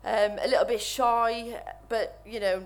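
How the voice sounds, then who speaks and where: A woman in her thirties with a Welsh accent, nervously telling her recovery story to an audience at a microphone, halting and full of restarts. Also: fairly high pitch, steady tone. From Wales. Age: 30s. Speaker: speaker sharing recovery story. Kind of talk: personal testimony to an audience. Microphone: microphone while standing before an audience.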